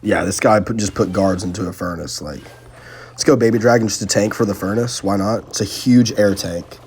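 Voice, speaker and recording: Excitable young man commentating gameplay. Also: fairly low pitch, fairly quick, a little hiss or hum. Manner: excitable, casual, slangy, talks to viewers. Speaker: gaming channel host. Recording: faint music underneath.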